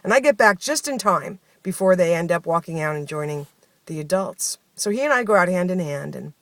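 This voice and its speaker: A woman's voice: fairly low pitch, animated, fairly quick, fairly bright tone, no echo. A woman speaking a heartfelt personal diary, telling her story in a reflective, conversational way, with many fillers. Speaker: host of a spoken daily journey series.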